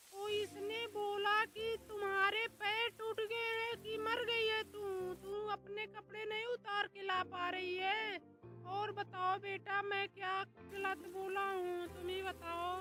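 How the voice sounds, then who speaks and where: A woman voicing a quarrelsome old mother-in-law who loves to stir up fights, calling out in a drawn-out wail. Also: very high voice, recorded from a distance. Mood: complaining. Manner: wailing, drawn-out shouting. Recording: loud background noise.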